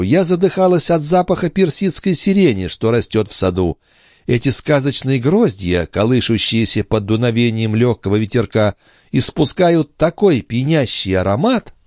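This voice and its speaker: A male narrator voices a nervous, fragile young woman in an audiobook, speaking in breathless, high exclamations with pitch that swoops widely as she protests. The acting is light, the tone darkish, and the sound dry and close.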